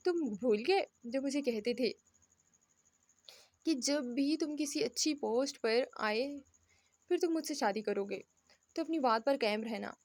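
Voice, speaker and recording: A woman's voice: sits high, expressive, measured pace, pauses often, darkish tone, no room sound, clean studio sound. A woman voicing a brash, scheming young woman in a storybook reading, talking in a needling, taunting way.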